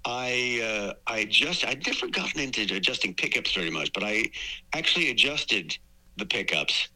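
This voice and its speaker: A man, a guitarist being interviewed, who explains technical details thoughtfully with pauses. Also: mid-range voice, animated, bright, forceful tone, low-quality recording. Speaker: guitarist and guest. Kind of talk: casual interview chat.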